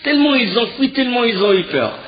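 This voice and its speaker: Very high-pitched and fast-talking, with big swings in pitch, a religious history teacher retells a story in a recorded lecture. His animated delivery is full of restarted sentences and fillers, and the recording's highs are cut off.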